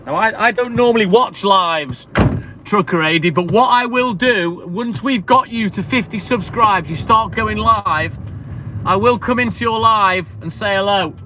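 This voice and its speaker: A man's voice: high-pitched, unhurried, bright, forceful tone, slight background noise. A man chatting casually and upbeat on a live stream, slangy and laughing often.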